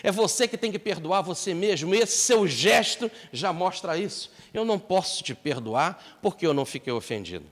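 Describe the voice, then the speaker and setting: A serene elderly spiritual leader, as a man voices him, calm and gentle. His voice rises and falls with life. The hall's long reverb surrounds him. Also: sits high, normal speed, few pauses, voice pushed up.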